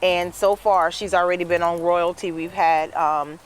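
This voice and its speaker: Brief: New woman, about fifty, animated storyteller, light background noise. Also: fairly low pitch, moderate pace. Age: around 50. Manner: animated storyteller, lots of "you know". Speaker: guest, dress business owner. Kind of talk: casual interview chat.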